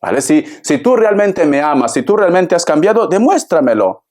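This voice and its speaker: Man, tarot reader, fairly high voice, theatrical, chatty, calls listener darling. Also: lively intonation, moderate pace, darkish tone. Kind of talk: tarot reading to camera.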